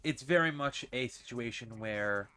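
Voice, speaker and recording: A man from Massachusetts, with a faint Boston accent and a stuffy, congested voice, rambles through a casual vlog in his bedroom as a fan runs. He's a streamer and vlogger speaking into a desk mic on a stand, his mid-range voice bright, forceful, clear and resonant at a measured pace. He restarts often and uses plenty of fillers.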